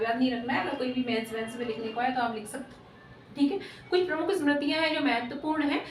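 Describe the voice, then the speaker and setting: A woman with a slightly high voice leads an exam-prep class at a whiteboard, repeatedly saying "ठीक है" and asking rhetorical questions to check her students. The classroom echoes, she is off-mic, and a little hiss or hum is audible.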